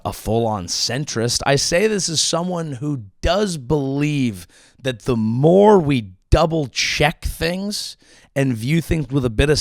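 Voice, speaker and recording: A man hosting his own show, delivering a profane, sarcastic comedic political monologue with sudden yelled outbursts. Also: medium pitch, vocal fry, no echo, studio quality. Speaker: comedian host.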